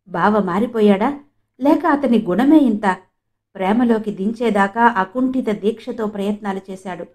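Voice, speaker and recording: An audiobook narrator from Andhra Pradesh, India, reads a novel in the first person. Her mid-range voice is a little mellow, and her storytelling is mournful and emotional.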